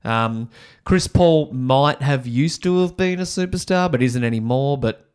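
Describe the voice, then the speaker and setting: A man's voice: medium pitch, a little slow, a little mellow, clean tone. A man with an Australian accent hosting a sports podcast in a casual, slangy, matey way.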